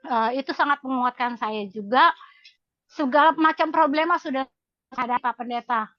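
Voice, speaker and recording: High-voiced woman giving earnest testimony. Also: dry recording. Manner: emotional, earnest, halting with many fillers. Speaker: congregation member sharing testimony. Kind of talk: casual spoken testimony. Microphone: video call. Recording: dull lo-fi video call audio.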